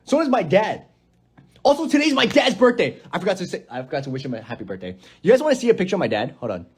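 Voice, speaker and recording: A man's voice: high-pitched, very animated, fast talker, husky. A young man chatting casually on a phone livestream, playful and giggly. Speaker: livestream host.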